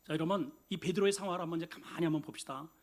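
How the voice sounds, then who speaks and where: A male pastor preaching a sermon in an animated, emphatic way, with humorous asides to the congregation. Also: a little high, very fast.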